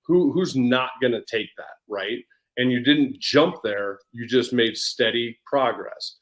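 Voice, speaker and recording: A man's voice: medium pitch, measured pace. Upbeat coach, a man in his forties. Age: 40s. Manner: energetic and upbeat, with frequent restarts and repeated words. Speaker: personal development coach. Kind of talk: casual podcast interview chat.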